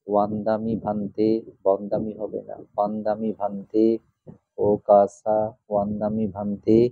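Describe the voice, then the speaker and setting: A man, a Buddhist monk, teaching Pali pronunciation, repeating each chanted phrase slowly to demonstrate it. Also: lowish voice, dry recording. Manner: slow, repetitive, demonstrating pronunciation line by line. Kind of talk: instructional talk with recited Pali chants. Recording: dull lo-fi sound.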